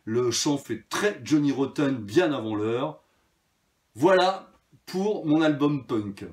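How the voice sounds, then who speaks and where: A man's voice: mid-range voice, animated, slow pace. A man presenting his vinyl records in a casual video, talking freely with many hesitations and fillers. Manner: chatty, hesitant with frequent fillers.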